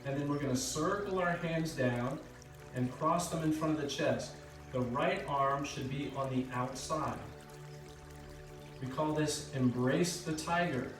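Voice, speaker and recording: A man instructing tai chi step by step in short, calm, measured cues. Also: fairly high pitch. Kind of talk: step-by-step spoken movement instruction. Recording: echoey room, far from mic, music behind. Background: music.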